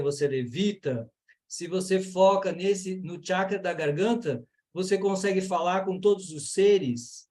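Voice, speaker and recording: Brazilian man, high-pitched, earnest, explanatory, over a video call. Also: darkish tone. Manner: earnest, explanatory, with many fillers. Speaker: yoga and mantra teacher. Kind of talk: online lecture and Q&A.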